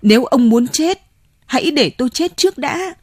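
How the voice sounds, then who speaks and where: Frightened older lady pleading breathlessly in an audiobook, husky and raised in pitch, read by a woman. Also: lively intonation, normal speed, darkish tone, dry recording, studio quality.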